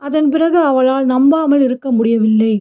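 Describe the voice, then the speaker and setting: A woman narrating a romantic serial story in a steady, even storytelling manner. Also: high voice, moderate pace. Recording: dull lo-fi recording.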